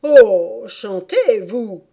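A woman reading an audiobook voices a boisterous griffin creature that bursts out in loud exclamations. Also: medium pitch, expressive, extremely slow, vocal fry, slightly rough, heavily acted. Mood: excitable.

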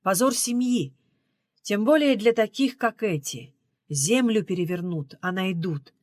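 A woman reading the part of a weary, sardonic middle-aged man in an audiobook, gruff and ironic as he lectures. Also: mid-range voice, a little slow, a little mellow, no room sound, studio quality, close to an everyday voice. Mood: grim.

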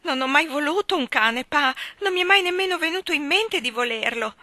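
Woman doing a high, tearful older wife. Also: expressive, a little fast, gravelly, bright, forceful tone, dry recording, full character voice. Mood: sobbing. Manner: sobbing, high and pleading.

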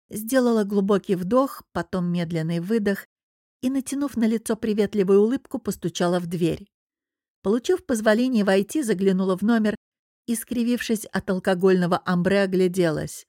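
A woman reading a first-person novel aloud in a wry, lively storytelling manner. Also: medium pitch, normal speed, no room sound, clean studio sound. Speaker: narrator. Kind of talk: first-person audiobook narration.

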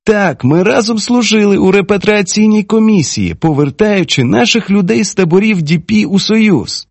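Чоловік у ролі владної літньої жінки. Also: male voice, high-pitched, expressive, normal speed, creaky, dry recording, voice pushed up, full character voice. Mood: stern. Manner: forceful, lecturing. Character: commanding older woman, stern peacemaker.

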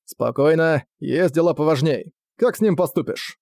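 A man's voice: fairly high pitch, normal speed, creaky, darkish tone, no room sound, studio quality. A man voicing a cunning young prince who talks casually and mockingly. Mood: flippant. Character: young male prince, cool, cunning and flippant.

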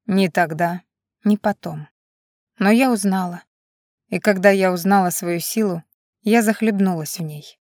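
Woman, first-person audiobook narrator, calm and reflective, mid-pitched, dry. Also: dry recording.

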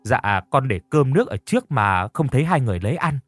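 A man's voice: medium pitch, big pitch swings, fast, no echo, clean studio sound, soft background music. A man voicing a timid, stammering young maid. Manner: hesitant, stammering, deferential. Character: timid young female house servant.

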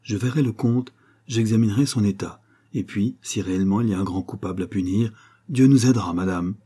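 Man doing a grave stern doctor, low voice, husky, dark tone. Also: a little fast. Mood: solemn. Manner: grave, solemn. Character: grave learned male doctor, solemn and stern. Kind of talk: audiobook character reading.

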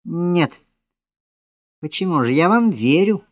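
A man's voice: high-pitched, lively intonation, slow pace, no echo, highs cut off, pitched above the performer's own voice. A scornful haughty young woman, as a male reader puts her on. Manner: cold, contemptuous, sharply raised voice. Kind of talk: audiobook reading of a classic novel.

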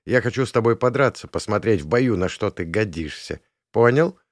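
A man's voice: fairly low pitch, lively intonation, moderate pace, dry recording, studio quality. A man voicing a young woman, a blunt and bossy wrestler, speaking in curt commands.

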